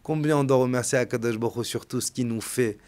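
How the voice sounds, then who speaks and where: A man, a rabbi, delivering a storytelling sermon, swinging from hushed to loud. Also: mid-range voice, quick pace.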